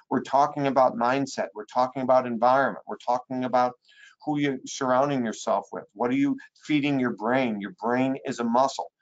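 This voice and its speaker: A man's voice: medium pitch, highs cut off. A man giving a motivational webinar training as a real estate trainer, emphatic and coaching, repeating his key phrases.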